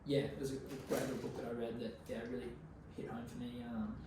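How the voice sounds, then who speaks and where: A Queensland man in his twenties, with an Australian accent, appears as a guest on a podcast and chats in a laid-back, slangy, sweary way. His mid-range voice holds a level tone, and he talks fast. The mic is distant, the room is noisy and very echoey.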